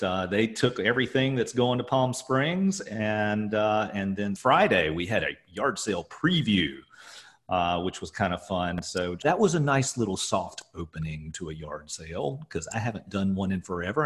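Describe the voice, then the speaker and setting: Low-voiced man, echoey empty room. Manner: rambling, halting, many fillers and restarts. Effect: echoey sound from an empty office. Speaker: podcast co-host. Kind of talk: casual chat. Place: empty office.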